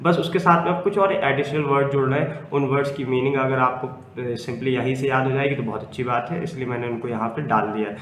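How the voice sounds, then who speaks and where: A man's voice: medium pitch, steady tone, brisk, few pauses, fairly bright tone. A male teacher giving a spoken grammar lesson. He repeats phrases and keeps asking the class questions. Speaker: English teacher. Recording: echoey room with faint hum.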